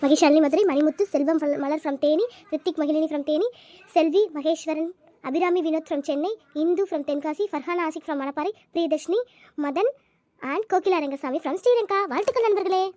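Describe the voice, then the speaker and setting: A woman's voice: sits high, moderate pace, warm tone, no echo. A woman hosting a cartoon channel, cheerfully announcing winners to viewers. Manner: upbeat, direct to viewers. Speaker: host.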